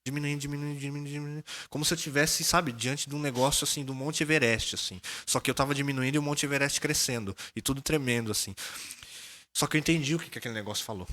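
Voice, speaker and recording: Fast-talking, bright-voiced Brazilian man. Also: mid-range voice. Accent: Brazilian Portuguese. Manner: animated, chatty storyteller. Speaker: podcast guest. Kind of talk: casual storytelling.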